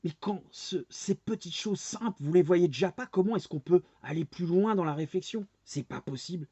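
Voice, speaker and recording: This angry vlog monologue comes from a man in his forties who batters his audience with rhetorical questions while facing the camera. He talks at normal speed in a high, warm, husky voice. The sound is dull lo-fi and dry.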